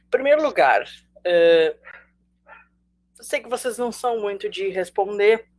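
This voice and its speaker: A woman with a Brazilian Portuguese accent and a mid-range voice teaches a live online sociology class. She's chatty and jokey, addressing her students directly.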